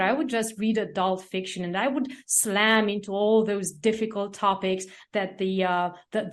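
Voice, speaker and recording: Romanian woman, halting interviewer. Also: mid-range voice. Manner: halting, many uh fillers. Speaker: podcast co-host, interviewer. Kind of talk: interview questions.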